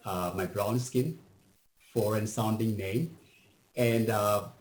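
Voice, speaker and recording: A middle-aged man from Bangladesh with a Bangladeshi accent, giving a measured, reflective personal testimony at a public event, pausing often with fillers. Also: on the low side, fairly even intonation, roomy sound, low-quality recording.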